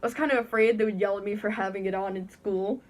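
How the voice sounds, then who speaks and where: The teenage vlogger in the costume head speaks fast, her medium-pitched voice holding a steady tone. She casually tells a story from her bedroom, chatty and giggly, acting out whoever she quotes.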